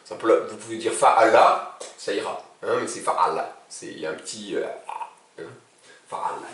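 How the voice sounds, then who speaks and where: A man's voice: lowish voice, fast. A man teaching a language class in a patient way, often checking that his students follow. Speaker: Arabic teacher. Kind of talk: classroom lesson. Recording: very echoey room, distant mic.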